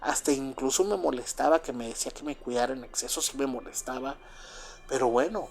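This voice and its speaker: Mexican guy telling his own scary story, chatty and rambling, faint music behind. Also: mid-range voice. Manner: rambling, filler-heavy with frequent "pues" and "¿verdad?". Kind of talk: first-person true story.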